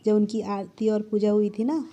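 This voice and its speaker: A woman's voice: mid-range voice, little pitch movement, normal speed, warm tone. A young woman narrating her family's festival day in a chatty, affectionate way, laughing now and then. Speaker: vlogger. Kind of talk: casual festival vlog narration.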